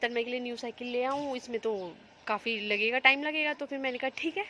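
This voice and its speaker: Woman, young adult, home vlogger, casual chat to camera, rambling, bright tone, faint noise behind. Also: fairly high pitch, brisk. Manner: chatty, rambling, talks while minding her children.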